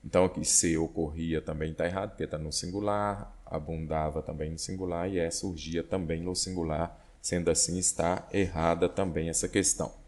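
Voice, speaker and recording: A Brazilian man with a notably low voice walks students through exam questions in an online prep lesson. He explains patiently, one step at a time, and keeps checking in with short questions to his listeners. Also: level tone, normal speed, few pauses, darkish tone. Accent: Brazilian Portuguese. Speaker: Portuguese exam tutor.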